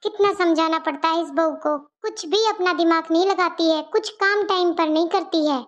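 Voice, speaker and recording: A fussy, bossy old mother-in-law from a cartoon story, as a woman puts her on, with a very high voice. The audio is dull and lo-fi. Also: normal speed. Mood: scolding. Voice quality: scolding, fussy.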